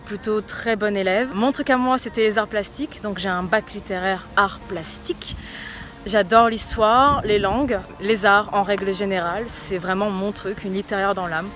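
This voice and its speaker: A young Portuguese fitness coach with a light northern accent shares her personal story in a chatty vlog. She speaks at medium pitch and uses lots of fillers.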